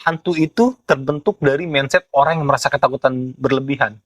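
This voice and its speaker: A young man with a Jakarta accent chats casually in a medium-pitched voice. He explains step by step, halting as he searches for the right word. The sound is dry and close, with no room echo. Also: fairly bright tone. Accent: Jakarta Indonesian. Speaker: ghost photographer being interviewed.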